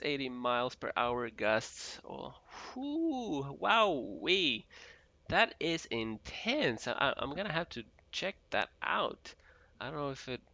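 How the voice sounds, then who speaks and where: A man's voice: mid-range voice, gravelly, sharp tone. A man from Mexico streaming a flight simulator, chatting casually and reading viewer messages aloud with frequent laughs. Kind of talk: casual live-stream commentary reading chat.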